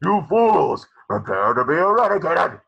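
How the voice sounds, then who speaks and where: A scheming, pompous cartoon supervillain. The voice is creaky and raspy with theatrical menace, captured in slightly muffled lo-fi sound. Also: male voice, fairly high pitch, very animated, a little slow, fairly bright tone, heavily acted. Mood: menacing. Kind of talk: cartoon table reading.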